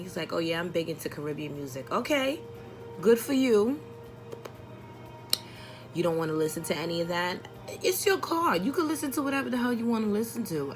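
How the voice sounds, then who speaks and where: A woman vlogger with a somewhat low voice tells a personal story casually, sounding expressive and exasperated, swearing freely and playing it for laughs.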